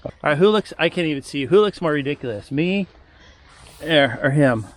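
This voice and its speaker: A man's voice: a little high, expressive, normal speed. A man chatting casually in a vlog from the crawlspace under a house, joking and making fun of himself. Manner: joking, self-mocking. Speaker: homesteading vlogger.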